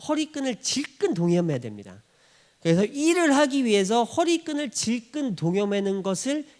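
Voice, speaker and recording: A male pastor preaching a sermon in a church, acting out quoted voices and laughing often. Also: high-pitched.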